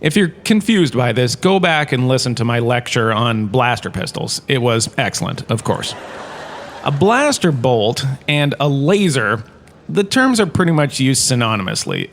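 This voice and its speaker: A male actor with a medium-pitched voice plays a smug, washed-up performer who has become a university lecturer. His character is chatty and prone to digressions in a comedic sci-fi audio drama.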